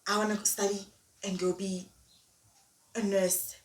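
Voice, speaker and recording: A woman's voice: mid-range voice, level tone, unhurried. Young woman, emphatic motivational talk, distant mic with room echo. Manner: emphatic, repeats key phrases. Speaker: vlogger. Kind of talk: motivational monologue. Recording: echoey room, distant mic, faint noise.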